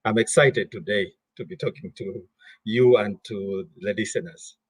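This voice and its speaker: A man in his thirties from Malawi, answering interview questions over a video call in an animated way and repeating words as he gathers his thoughts. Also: fairly low pitch, moderate pace, husky, no echo. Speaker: guest, finance director.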